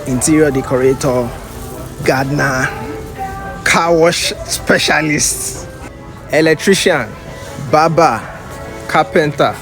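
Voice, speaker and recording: A man with a Nigerian accent, delivering sarcastic comic lines in a skit. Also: on the high side. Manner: sarcastic, quick punchlines. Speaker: content creator. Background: music.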